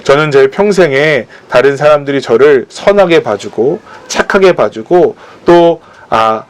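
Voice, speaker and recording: A man's voice: fairly high pitch, lively intonation, measured pace. A man preaching a sermon at a church service, telling personal stories and acting out the voices of the people in them. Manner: storytelling, acting out quoted voices. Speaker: pastor.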